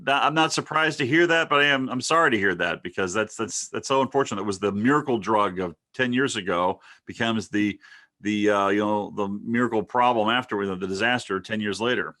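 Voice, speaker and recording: A middle-aged man hosting a casual interview, talking in a quick, animated rush with many restarts and repeated words. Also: fairly low pitch. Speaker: host, marketing consultant.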